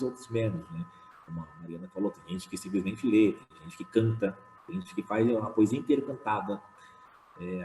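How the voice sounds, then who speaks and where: A man and slam poet talking casually on an online panel, with many fillers and lively retellings. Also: low-pitched, roomy sound, rough recording. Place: home room.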